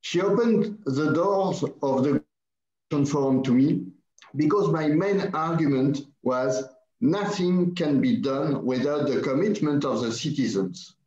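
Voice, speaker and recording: A man with a French accent addresses a conference in a formal, measured way, his voice sitting a little high for a man. The sound is roomy and echoey, with a dull, muffled band. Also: a little mellow. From France. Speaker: conference speaker.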